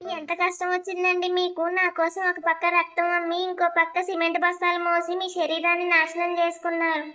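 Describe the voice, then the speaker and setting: An actress voicing a gentle young wife in a cartoon family drama, speaking softly to her husband. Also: very high-pitched, monotone, fairly quick, faint music behind. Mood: tender.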